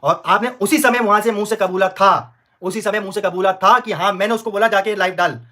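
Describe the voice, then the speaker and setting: A man's voice: high voice, steady tone, a little fast, pushed and bright. A man arguing heatedly on a livestream, repeating himself, pleading and threatening in turns. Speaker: vlogger on a livestream.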